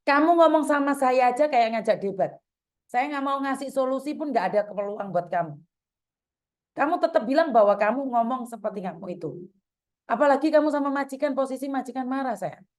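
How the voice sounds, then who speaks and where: A woman's voice: sits high, lively intonation, brisk, a little mellow. A woman hosting an advice call, firm and scolding while calling the caller dear. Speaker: advice host.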